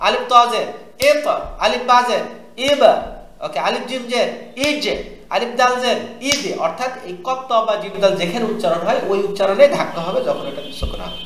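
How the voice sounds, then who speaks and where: A man teaching Quran recitation, spelling out letters and drilling each word slowly and patiently, asking listeners to repeat after him. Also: high-pitched, a little hiss or hum. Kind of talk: tajweed lesson, spelling out and drilling words. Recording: echoey room.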